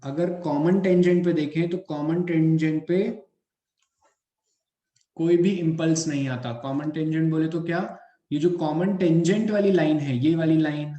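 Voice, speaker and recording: A man teaching physics in Hindi and Indian English, slowly dictating points and repeating each phrase so students can write. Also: fairly high pitch, steady tone, dark tone, echoey room, muffled recording. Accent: Hindi-English mix, Indian English. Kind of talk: dictating lecture notes.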